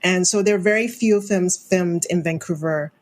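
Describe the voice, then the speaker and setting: A middle-aged woman from Hong Kong speaks as an interview guest, her voice sitting a little low. She talks thoughtfully about ideas, with ready fillers and small laughs between points. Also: normal speed, darkish tone. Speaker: film studies professor, guest. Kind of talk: conversational interview answers.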